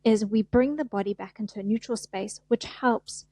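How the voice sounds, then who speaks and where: This middle-aged South African guest, a fascia therapist, keeps a moderate pace in a warm voice on the high side, recorded with no room sound. She's easygoing and self-deprecating in the casual podcast interview, acting out little voices.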